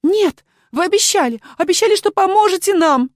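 A woman voicing a naive, frightened young maid who sobs and pleads in a high, breaking voice. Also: moderate pace, a little mellow, no echo, studio quality, close to an everyday voice. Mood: desperate. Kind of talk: audiobook character voice.

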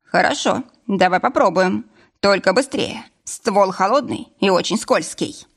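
A woman's voice: mid-range voice, measured pace, gravelly, breathy edge. Female reader as clumsy tipsy young man, rueful, storybook. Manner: rueful, complaining.

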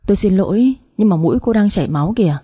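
A woman's voice: medium pitch, expressive, rapid-fire, warm tone, slightly rough. A woman voicing a clumsy young man who stammers polite apologies, in a spoken story. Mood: flustered polite.

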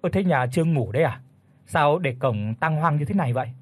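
A man's voice: a little high, expressive, a little fast, a little mellow, no room sound. A man voicing a hot-tempered middle-aged village father who blusters angrily, in a spoken ghost story. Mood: puzzled. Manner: angry blustering.

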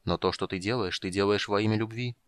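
A man reading the part of a kindly, absent-minded old wizard who speaks quietly and mutters. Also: fairly low pitch, fast, smooth, no room sound, studio quality, lightly acted. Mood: gentle.

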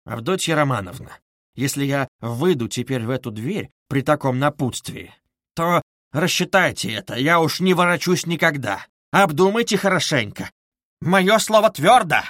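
A man reading aloud voices a pompous, sarcastic middle-aged gentleman in a stiffly formal manner. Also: fairly high pitch, expressive, moderate pace, no room sound, studio quality. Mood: furious. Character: sneering pompous middle-aged male suitor.

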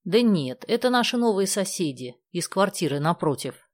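Storybook figure: a woman playing a level-headed mum, low and unhurried, dry close sound. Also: sing-song, dry recording. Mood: calm. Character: calm, mildly doubtful mother.

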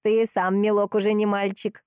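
A woman voicing a chatty elderly village woman, spry and sly, in a high quavering voice. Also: monotone, moderate pace, darkish tone, smooth, dry recording, studio quality, natural voice. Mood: folksy.

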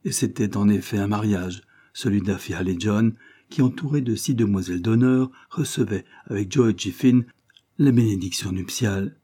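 A man reads a classic novel aloud as an audiobook narrator. His voice sits low with a dark, mellow tone and a husky texture, and he reads evenly and steadily. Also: normal speed. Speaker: audiobook reader. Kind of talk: scripted narration.

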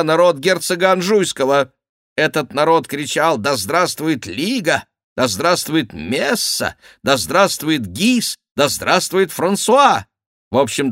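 A man's voice: a little high, no room sound, studio quality, voice pushed up, full character voice. A man voicing a furious young courtier. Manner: shouting, outraged, exclamatory. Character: agitated young male royal favourite, indignant.

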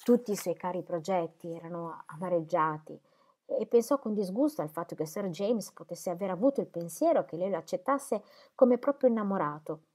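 A woman narrating a novel aloud in a measured, subdued way. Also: lowish voice, warm tone. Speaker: audiobook reader.

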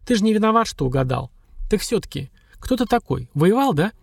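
A man's voice: high-pitched, big pitch swings, fairly quick, gravelly, breathy edge, dry recording, clean studio sound, pitched above the performer's own voice, full character voice. A man voicing a streetwise young woman nurse in an audiobook, talking coarse street slang with wry chuckles. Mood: blunt. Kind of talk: audiobook dialogue.

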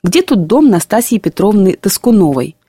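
A woman voicing a calm, polite middle-aged man asking his way, in a storybook reading. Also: mid-range voice, moderate pace, breathy edge, no room sound, clean studio sound.

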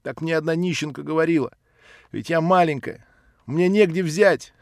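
A man doing a shrill, defiant orphan girl. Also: normal speed, darkish tone, no room sound, clean studio sound, lightly acted. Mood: hysterical. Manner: shrill, tearful outbursts.

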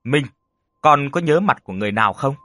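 A man's voice: mid-range voice, expressive, fairly quick, bright, forceful tone, no room sound. A man voicing a stern older rural uncle who deals with spirits, grave and commanding.

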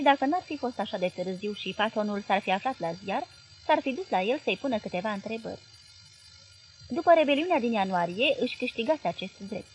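Fairly high-voiced woman reading a novel. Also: a little mellow, slight background noise. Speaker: audiobook narrator. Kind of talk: literary audiobook reading.

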